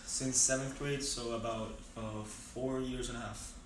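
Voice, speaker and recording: A teenage boy from Venezuela answers questions haltingly, filling pauses and restarting his sentences. He sits at some distance from the mic in a very echoey room. His pitch is mid for a young man. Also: fairly even intonation, a little hiss or hum. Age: teens. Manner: hesitant, many fillers and restarts. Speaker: interviewee. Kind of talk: casual interview answers.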